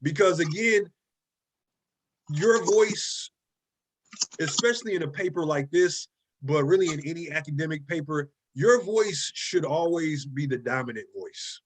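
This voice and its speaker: A man with a somewhat high speaking voice teaches a college writing class over a video call from his desk. His delivery is loose and conversational, peppered with "okay?" and "right?" and with repeated words as he searches for the next phrase. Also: unhurried. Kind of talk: casual online class lecture.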